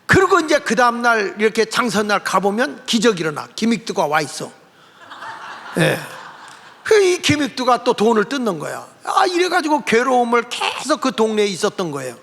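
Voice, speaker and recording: A male pastor telling a story in a sermon, animated and acting out the characters' voices. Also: very high voice, normal speed, creaky, big-room sound. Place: church sanctuary.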